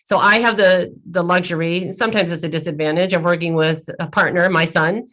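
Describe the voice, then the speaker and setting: A woman's voice: lowish voice, steady tone, brisk, fairly bright tone. A middle-aged woman guest telling a candid, emotional story in an interview, easily sidetracked. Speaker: guest entrepreneur.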